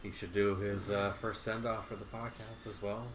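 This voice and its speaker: A male podcast co-host with a very deep voice. He chats in a relaxed, unhurried way and drops in brief comments. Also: background noise. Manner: laid-back, slow interjections. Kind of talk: casual chat.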